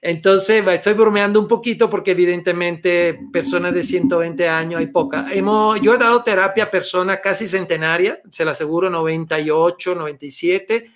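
A man's voice: sits high, fairly even intonation, a little fast, few pauses, fairly bright tone. A middle-aged man from Italy, teaching a webinar on manual therapy through a webcam in a small room, explaining patiently with frequent "eh" and "okay" tags. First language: Italian. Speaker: therapy instructor. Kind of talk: webinar lecture. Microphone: webcam video call.

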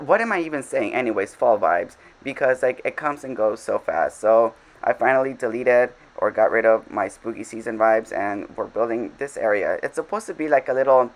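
Guy w a creaky voice chatting thru his game, super casual and rambly, lots of fillers. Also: medium pitch, rough recording. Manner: rambling, filler-heavy, self-deprecating. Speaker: game vlogger. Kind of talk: casual gameplay commentary.

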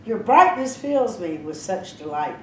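Woman doing a flowery, lovestruck storybook prince, slow and lively, roomy room sound. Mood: adoring. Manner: flowery, adoring. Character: lovestruck young male prince, courtly. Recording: roomy echo, mic at a distance, faint rumble.

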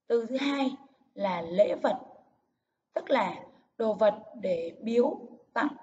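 A woman teacher giving a reading lesson to young children, speaking slowly with careful, clear enunciation. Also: on the high side, lively intonation, dark tone. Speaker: primary school teacher. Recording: distant, muffled recording with faint hiss.

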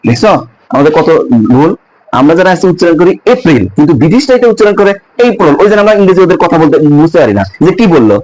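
A man teaches a pronunciation lesson on English month names to his students. He asks them question after question and repeats each word slowly. His voice sits a bit higher than most men's. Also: very animated, darkish tone, low-quality recording. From Bangladesh.

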